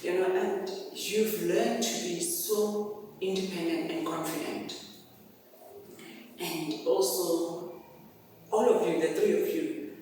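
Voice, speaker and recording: A middle-aged woman hosting a family conversation podcast, speaking slowly and reflectively as she searches for her words. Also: on the low side, a little mellow, a little hiss or hum. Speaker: podcast host and mother. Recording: echoey hall, distant mic.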